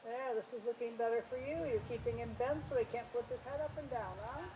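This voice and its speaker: A woman riding instructor giving brisk, projected commands in a lesson, mixed with short encouraging praise. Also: a little high, fairly even intonation. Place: riding arena. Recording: noisy riding arena, horse sounds behind.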